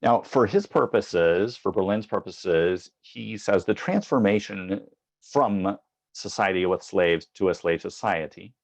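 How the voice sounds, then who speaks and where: A man with a very deep, low-pitched voice delivers an academic lecture. He speaks in a measured, thoughtful way and fills his pauses with frequent ums and uhs. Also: creaky, highs cut off. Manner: reads quoted passages from books aloud.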